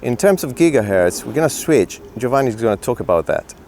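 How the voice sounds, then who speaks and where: Speaking straight to viewers in an informal product review chat, a host looks over film gear. He sounds brisk and sing-song in a mid-range, slightly mellow voice, with a little hiss or hum.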